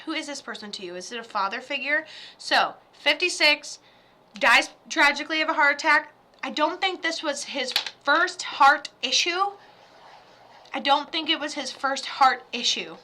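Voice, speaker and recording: A woman working as a psychic medium, giving a chatty, animated reading over a video call with quick asides and the odd swear. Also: sits high, slight background noise.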